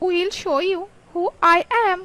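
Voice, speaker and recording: A woman teaching English sentences, reading a Bengali line quickly and then saying each English sentence slowly twice. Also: extremely high pitch, fairly even intonation, bright, forceful tone, no room sound, poor audio. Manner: slow, carefully spaced delivery, Bengali read quickly, English drawn out.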